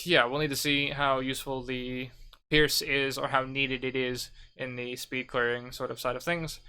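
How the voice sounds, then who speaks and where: A man's voice: medium pitch, pushed and bright, clear, resonant tone. A young man casually walking through gear choices for a game build, loose and offhand, swearing now and then. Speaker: gaming content creator. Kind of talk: casual gear guide talk.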